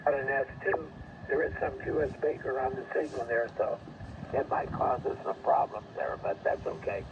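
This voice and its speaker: An older man, a ham radio operator, heard over a ham radio receiver, calling slowly and repeating himself. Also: medium pitch. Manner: slow, repetitive call-sign calling. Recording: muffled, distant radio with static.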